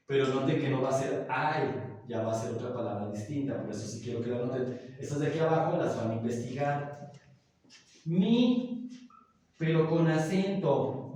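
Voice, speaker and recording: A male teacher with a warm, mid-range voice patiently walks a class through grammar, giving many examples and often checking that students are following. He is recorded from far off in an echoey classroom with slight background noise.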